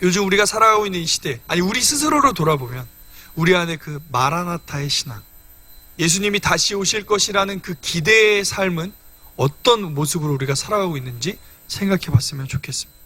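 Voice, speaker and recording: A young male preacher delivers a midweek sermon, explaining scripture in an earnest teaching manner and speaking straight to his listeners. His voice sits high and bright, and his pitch rises and falls in animated swings. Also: fairly quick, no echo. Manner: earnest teaching, addresses congregation directly. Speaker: evangelist preaching.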